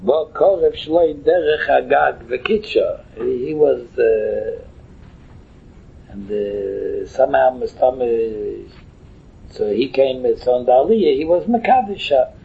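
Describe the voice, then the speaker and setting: A man with a Yiddish accent giving an informal religious lesson as a teacher, haltingly explaining a text line by line, repeating and rephrasing as he goes, in a husky, rough voice. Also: mid-range voice, expressive. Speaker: Talmud teacher. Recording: muffled, thin phone-like line.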